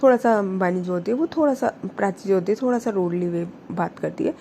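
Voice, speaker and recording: A young woman narrates a love story in a relaxed, chatty way, with mellow tone and English words sprinkled in. Her delivery stays conversational and unhurried. A faint hiss sits underneath. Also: mid-range voice, vocal fry. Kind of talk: casual spoken storytelling.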